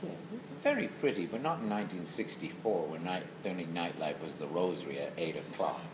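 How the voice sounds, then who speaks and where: A man's voice: low-pitched, animated, brisk. A middle-aged man with a west of Ireland accent chatting jokily in a wry, mock-serious ranting manner. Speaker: comedy venue operator being interviewed. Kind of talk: joking casual chat. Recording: echoey room with clear background noise.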